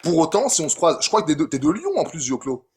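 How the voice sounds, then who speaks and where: Fast-talking, argumentative man in online debate. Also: fairly high pitch, big pitch swings, darkish tone, slight background noise.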